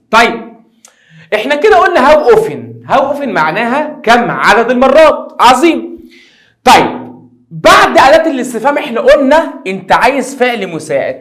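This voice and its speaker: A man with an Egyptian Arabic accent explaining English grammar in a lively, teasing classroom style, speaking directly to his students. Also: sits high. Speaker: English teacher.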